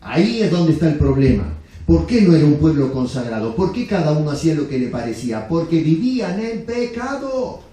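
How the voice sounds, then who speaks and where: A man's voice: fairly high pitch, expressive, fast, dark tone. A man preaching a blunt, emphatic sermon with rhetorical questions. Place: church sanctuary. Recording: very echoey church hall.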